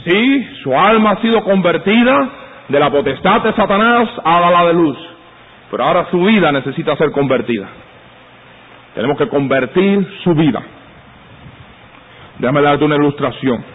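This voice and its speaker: A male pastor delivers a sermon in a church, speaking in a fairly high, husky voice. The sound is thin and phone-like, and he slips into quoted voices that climb when he gets worked up. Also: normal speed, pauses often. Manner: acts out quoted voices, rising high and loud when animated.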